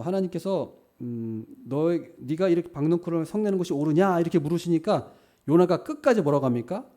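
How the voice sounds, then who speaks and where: A man pastor preaching a sermon, animated, acting out quoted dialogue and asking the listeners rhetorical questions. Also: on the high side.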